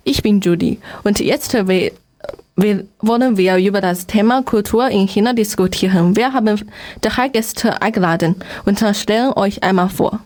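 A woman hosting a radio discussion, welcoming listeners and guests, slightly halting. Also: medium pitch, a little mellow. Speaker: radio show host. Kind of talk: scripted radio presentation.

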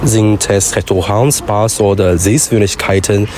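Man, street interviewer, halting learner's phrasing, lowish voice, loud street noise behind. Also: fairly even intonation. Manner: halting non-native German with grammar slips. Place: outdoors in a town pedestrian zone.

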